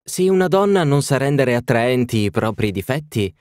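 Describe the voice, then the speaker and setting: A man's voice: big pitch swings, normal speed, dry recording, studio quality, lightly acted. A man voicing a witty, playful society hostess with a raised, teasing voice. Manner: bright, teasing, raised pitch. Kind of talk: audiobook reading.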